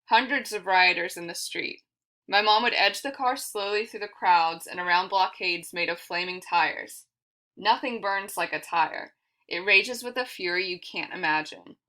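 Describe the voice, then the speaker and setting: Bright-voiced woman reading a memoir aloud. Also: medium pitch, moderate pace. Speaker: library reader.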